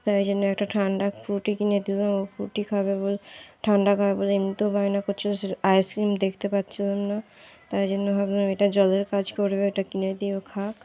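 A woman's voice: medium pitch, completely flat delivery, fast, warm tone. A woman talking casually through her day in a vlog, chatty, sometimes speaking to her child in a coaxing tone. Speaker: vlogger.

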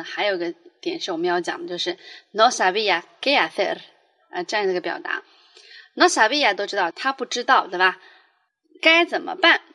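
A woman's voice: mid-range voice, fairly bright tone. Mandarin-speaking woman teaching Spanish grammar. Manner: explains patiently in Mandarin, reading Spanish phrases aloud, with many fillers. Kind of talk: language lesson.

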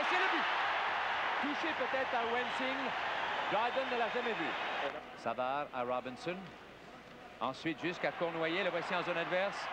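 A man with a Quebec French accent doing excited play-by-play sports commentary in clipped phrases on an old TV broadcast. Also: high voice. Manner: clipped phrases, bursting into shouts at goals. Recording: old TV broadcast, loud crowd noise. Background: roaring arena crowd.

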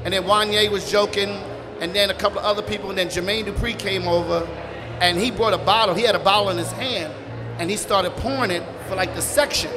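Man from New York, guest at a brunch event, relaxed and animated, higher pitch, music behind. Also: fast. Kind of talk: casual interview storytelling.

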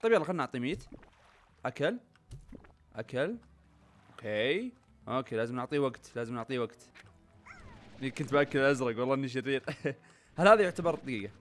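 A young man, chatting excitedly to viewers as he plays a video game. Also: mid-range voice, fast, long pauses. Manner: excitable, chatty, talks to viewers while playing. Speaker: gaming YouTuber. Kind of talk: casual let's-play commentary. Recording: faint game music behind.

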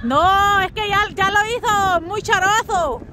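A woman vlogging outdoors in the snow, shouting encouragement, laughing and teasing her family. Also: very high-pitched, slow, slight background noise. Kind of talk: casual outdoor vlog chatter.

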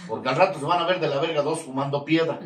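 A man's voice: fairly high pitch, steady tone, fast talker. An older man with a Mexican accent speaks to a recovery group, crude, mocking and confrontational, swearing constantly and laughing at his own jabs. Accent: Mexican Spanish. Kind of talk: profane testimony to a support group. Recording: echoey room, mic far off, faint noise.

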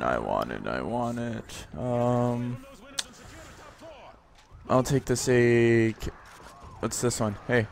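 A young man giving brash, loud commentary while playing a shooter game, talking back to the characters on screen. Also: mid-range voice, slight background noise. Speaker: gamer. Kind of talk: gameplay commentary.

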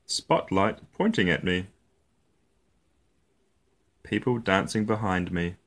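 A man's voice, sitting low, carries a read-aloud of a picture book meant for young kids. He narrates expressively, with phrasing that is both deliberate and playful.

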